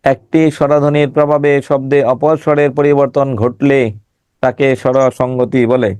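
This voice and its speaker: A man's voice: mid-range voice, level tone, moderate pace, darkish tone, clear, resonant tone, dry recording. A male teacher giving an online exam-prep class, emphatic, repeating words and sounding them out syllable by syllable.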